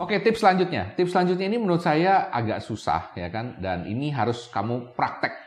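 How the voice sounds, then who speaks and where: A man's voice: medium pitch, brisk, faint music behind. A man giving casual tips to camera as a YouTube presenter, chatty, often checking in with "ya kan?" and mixing in English words. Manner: mixes English words into his talk. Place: room with a camera operator. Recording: echoey room.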